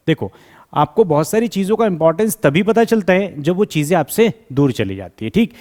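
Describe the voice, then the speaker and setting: Man giving a slow, drawn-out revision lesson. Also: a little high, mellow. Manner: switches between Hindi and English, reads English lines slowly and deliberately; checks in often with students, calls them "beta". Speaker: English teacher.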